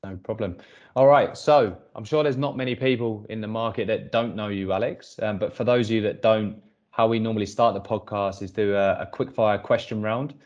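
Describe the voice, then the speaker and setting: A man hosts a podcast in a relaxed way, his speech dotted with fillers. His voice sits on the low side. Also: brisk, dull audio. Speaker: podcast host. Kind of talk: casual podcast hosting.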